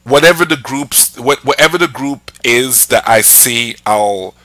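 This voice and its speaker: Unhurried and medium-pitched, this London-accented man from England hosts a relaxed podcast conversation, spinning lively stories and slipping playfully into other accents. There's no echo, but the audio quality is poor.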